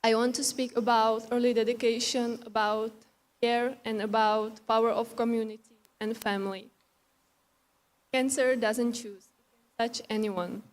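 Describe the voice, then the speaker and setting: Earnest woman with a flat, even delivery. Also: fairly high pitch. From Czech Republic. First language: Czech. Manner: earnest, measured delivery with small grammar slips. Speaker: pageant contestant. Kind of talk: prepared speech.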